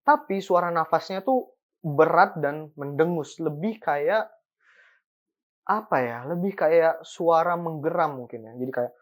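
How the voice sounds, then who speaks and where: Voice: mid-range voice, animated, a little slow. A host telling a ghost story in a chatty, casual way, full of fillers and building suspense.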